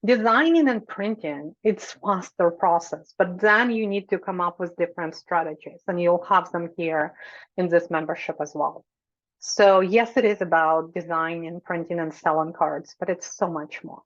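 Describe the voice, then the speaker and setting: Earnest woman host, slightly low voice, dull sound. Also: moderate pace. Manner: earnest and effusive, repeats phrases, digresses. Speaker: membership host and coach. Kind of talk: heartfelt direct-to-camera talk.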